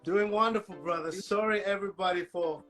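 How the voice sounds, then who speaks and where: A man from Malawi in his forties, a guest musician telling his story in a casual interview, relaxed and dropping "man" often. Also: sits high, brisk, faint music behind.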